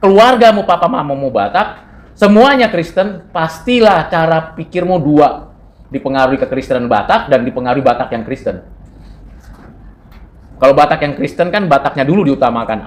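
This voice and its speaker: This slightly high-pitched man is from North Sumatra, Indonesia, and he's teaching a seminary class in a conversational style. Along the way he tests his students with questions and drops in English terms.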